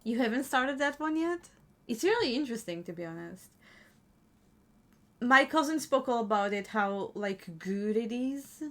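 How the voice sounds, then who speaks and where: A woman's voice: on the high side, expressive, measured pace, a bit bright. A young woman streamer chatting casually as she reacts to videos, full of fillers.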